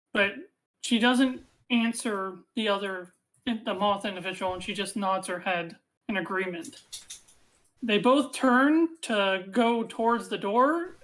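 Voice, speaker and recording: A woman runs a tabletop game, narrating scenes at a slow, unhurried pace. Her voice sits in a middle pitch and she pauses often with small fillers. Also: a bit bright, low-quality recording. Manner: measured, descriptive with fillers. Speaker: game master.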